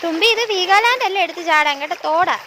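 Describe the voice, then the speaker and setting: A woman's voice: very high-pitched, quick pace, background noise. A mother talking to her toddler in sing-song baby talk, coaxing her and asking the same questions over and over.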